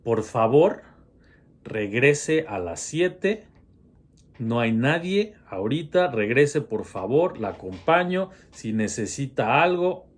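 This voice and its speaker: A man's voice: medium pitch, sing-song, slow. A man voicing a male teacher who pleads with a visitor in a formal, polite way.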